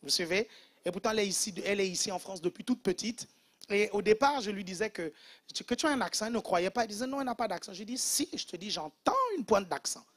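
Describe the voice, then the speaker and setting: A man's voice: high voice, fast. A man preaching a humorous sermon as pastor, teasing the congregation playfully and mimicking accents.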